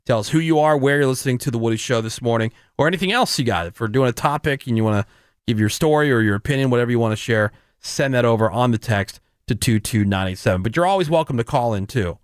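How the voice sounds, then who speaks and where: A man's voice: medium pitch, lively intonation, fast talker, clean tone, dry recording, studio quality. A man with an American accent hosting a morning radio show, bantering and running a phone-in contest. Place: radio studio. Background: music bed.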